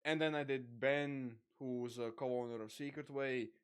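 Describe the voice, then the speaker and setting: A young man hosting a casual online chat, rambling with lots of fillers and quick laughs. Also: medium pitch, steady tone, clear, resonant tone. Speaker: podcast host.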